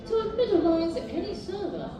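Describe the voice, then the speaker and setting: British lady bingo caller, high singsong voice going up and down, calling numbers in a big echoey noisy hall. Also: sing-song, far from the mic, a crowd in the background. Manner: sing-song, formulaic announcing with measured repetition of each number. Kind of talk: live bingo calling, numbers announced in sing-song pairs. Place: large echoing indoor bingo hall.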